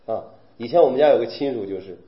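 Male preacher, animated, full of rhetorical questions; roomy, dull recording. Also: mid-range voice, quick pace. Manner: animated, rhetorical questions, mimics weeping believers. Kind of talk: sermon.

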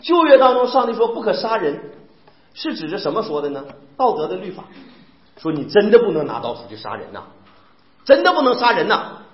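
A high-voiced male preacher with a Northeastern Mandarin accent, his pitch swinging widely as he drives home point after point with rhetorical questions. The sermon rings through an echoey church hall, captured on a dull, lo-fi recording. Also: huge pitch swings, fairly quick. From Northeast China. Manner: emphatic, fires rhetorical questions at the congregation.

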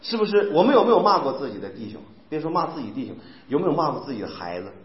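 High, lively Northeastern Mandarin preacher. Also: male voice, racing. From Northeast China. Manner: emphatic, fires rhetorical questions at the congregation. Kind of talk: sermon. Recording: echoey, dull lo-fi sound.

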